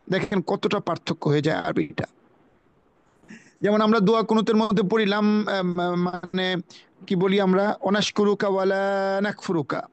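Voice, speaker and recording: High-voiced man teaching a religious lesson. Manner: explanatory, repeats key phrases, recites Arabic. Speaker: religious study speaker. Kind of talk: religious lesson on Quran pronunciation. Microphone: video call.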